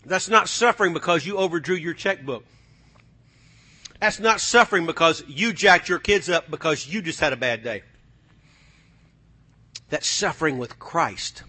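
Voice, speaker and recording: A man preaching a sermon, swinging from low, quiet passages to shouted, fiery calls to the congregation. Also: animated, moderate pace, pauses often, husky.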